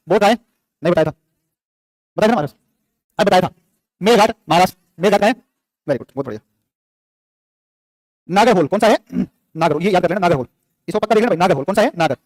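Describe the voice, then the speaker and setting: A middle-aged male teacher in a classroom, firing off questions and answers at a very rapid clip. His voice sits high and the sound is dry and close, with no room echo. He drills each name again and again. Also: lively intonation, a little mellow. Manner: repetitive drilling of names, asks and answers his own questions; chatty asides to students. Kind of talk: classroom lecture with call-and-response drilling.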